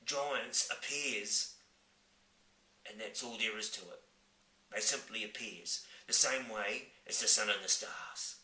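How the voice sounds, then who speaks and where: A man voicing a very old, gentle male giant who mangles his grammar and invents words, speaking slowly. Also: on the low side, exaggerated voice. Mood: earnest. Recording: roomy, from a distant mic.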